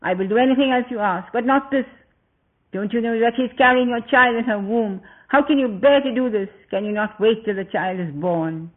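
A loyal young prince, speaking urgently and pleading, as a storyteller does his voice. The voice is high, and the sound is thin and tinny, like a phone line. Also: brisk.

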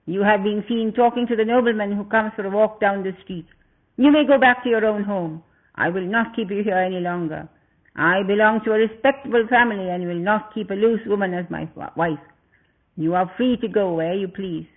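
A man's voice: sits high, brisk. A man voicing a proud, stern male washerman who harshly accuses his wife, read as part of a told story. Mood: stern scolding. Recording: tinny phone-like sound.

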